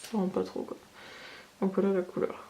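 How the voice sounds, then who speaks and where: A woman's voice: medium pitch, completely flat delivery, normal speed, vocal fry, warm tone. A woman giving a casual beauty haul review, chatty and full of hesitations. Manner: chatty, many fillers and hesitations. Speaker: beauty vlogger. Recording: echoey room with background noise.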